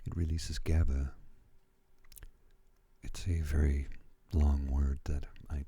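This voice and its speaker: A man in his fifties speaking in a soft, breathy ASMR voice, slow and soothing, moving between whispering and murmuring close to a studio microphone. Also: very deep voice, level tone. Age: 50s. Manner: slow, soothing, hushed delivery. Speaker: ASMR host. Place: at home.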